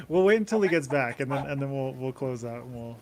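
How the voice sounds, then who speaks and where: A man's voice: medium pitch, slight background noise. A man chatting informally and emphatically on a livestream, with playful banter. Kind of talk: casual livestream chat.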